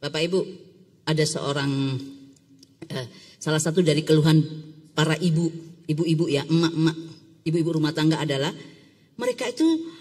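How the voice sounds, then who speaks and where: A woman pastor giving a Sunday sermon, chatty and lively, asking the congregation questions and calling for raised hands. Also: sits low, normal speed, pauses often, breathy edge. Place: church sanctuary. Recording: long church reverb.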